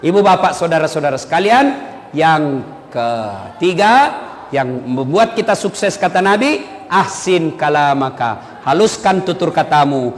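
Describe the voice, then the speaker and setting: A man preaching a humorous sermon, lively and joking, acting out the people in his stories. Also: high-pitched. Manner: lively, jokey, acts out quoted dialogue. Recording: echoey hall with faint noise.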